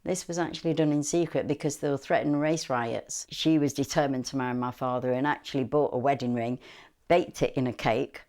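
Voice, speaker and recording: A woman speaks in a low, gravelly voice. She tells her family's story in a news interview, earnest and heartfelt. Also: fairly even intonation, fairly quick, a little mellow. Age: 60s.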